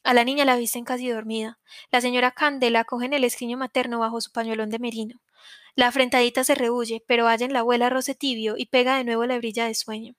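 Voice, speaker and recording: A woman reads a literary story aloud in a measured, solemn way. Her voice is fairly high. The recording is close and dry, with no room sound. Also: flat delivery, a bit bright, no echo. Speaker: narrator.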